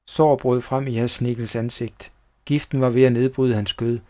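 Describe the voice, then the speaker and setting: Man reading a scary storybook. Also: medium pitch. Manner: steady first-person storybook narration. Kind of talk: reading a children's horror story aloud.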